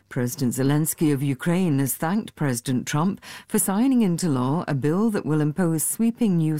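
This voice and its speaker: A woman reading a radio news bulletin in a steady, formal way. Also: low voice, dry recording, clean studio sound. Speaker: newsreader. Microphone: studio microphone.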